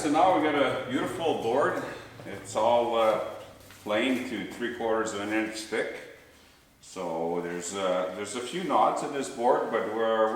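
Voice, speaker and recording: A man's voice: fairly low pitch, heavy reverb, big-room sound, far from the mic, rough recording. A man hosting a woodworking demo in his shop, explaining in a plain, stop-start way, recorded as old camcorder audio. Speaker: woodworking host. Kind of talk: casual how-to demo.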